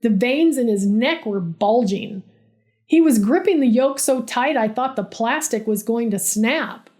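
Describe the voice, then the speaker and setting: Woman, fairly high voice, dry sarcastic storytelling, scripted narration. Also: animated, measured pace, a little mellow.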